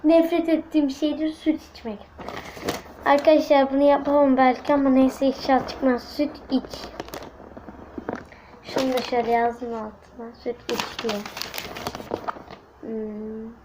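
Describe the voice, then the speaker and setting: A young woman vlogging at home, chatty and excitable, talking straight to her viewers. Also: sits high, measured pace, pauses often, a little hiss or hum, low-quality recording. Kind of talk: casual home vlog. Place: at home indoors.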